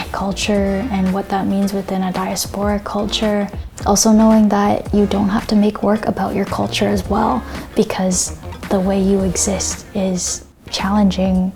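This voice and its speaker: A young woman artist answering interview questions reflectively, with searching phrasing and frequent restarts. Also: mid-range voice. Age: young adult. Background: background music.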